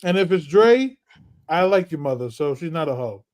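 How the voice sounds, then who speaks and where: A man joins a casual chat and keeps cutting in with short teasing jokes. His voice sits a bit higher than most men's. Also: very animated, moderate pace, darkish tone. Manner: teasing, joking, cuts in with short lines. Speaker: panel guest.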